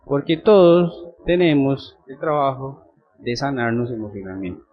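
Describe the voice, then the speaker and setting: A man's voice: medium pitch, measured pace, phone-quality sound. A young man from Costa Rica with a Costa Rican accent, preaching a sermon and telling a personal story in a conversational way, often checking in with his listeners. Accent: Costa Rican Spanish. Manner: conversational, checks in with frequent tag questions. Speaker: pastor.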